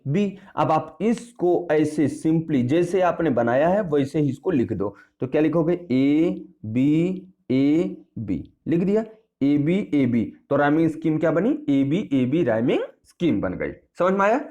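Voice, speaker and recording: A male English tutor, his voice sitting a little high, walks students through a lesson. He repeats each point, quizzes them and answers his own questions, calling them familiar names. The audio is muffled and lo-fi. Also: big pitch swings, measured pace, dark tone. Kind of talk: classroom-style video lesson.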